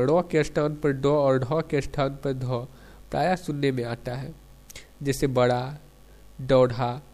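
A man reading a lecture on dialect features slowly and carefully, pausing after each word example. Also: medium pitch, darkish tone. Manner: slow, measured reading of word examples in lists. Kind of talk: academic lecture on Hindi dialects.

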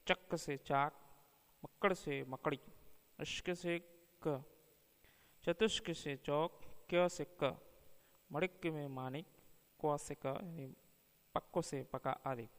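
A man giving a measured academic lecture, slowly listing word pairs one by one. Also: fairly high pitch. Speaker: teacher. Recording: long reverb.

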